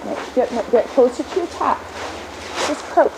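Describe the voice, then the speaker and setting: A woman riding instructor with a high voice gives brisk, projected commands in a live lesson. She is directive and corrective, explaining briefly as she goes, over clearly noisy ambience.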